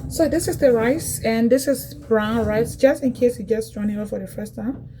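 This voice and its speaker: Chatting directly to viewers from her home kitchen, this Liberian woman from West Africa shows how she cooks in a casual vlog, repeating herself often. She speaks a little high at normal speed against a noisy background.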